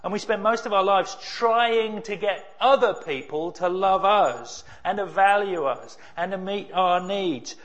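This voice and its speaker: A man's voice: high voice, a little slow, few pauses, a bit bright, dull audio. A man preaching a sermon in a conversational way, with rhetorical questions and wry humor. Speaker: pastor.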